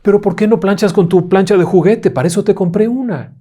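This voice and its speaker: A man putting on a shrill, furious mother. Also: fairly quick, mellow, husky. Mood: scolding. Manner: shrill, scolding outbursts. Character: furious exhausted mother scolding her child.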